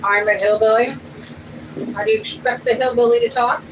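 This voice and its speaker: A woman's voice: on the high side, fairly even intonation, brisk. A middle-aged woman, chatting casually on a family livestream and reading viewer comments aloud. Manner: homey, chatty, plainspoken. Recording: distant mic in a noisy room.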